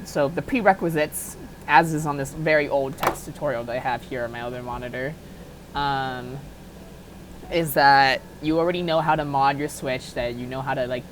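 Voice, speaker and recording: A woman with a very deep voice talks at normal speed over a noisy background. She hosts an informal, unscripted software modding tutorial, speaking offhandedly and thinking out loud as she works.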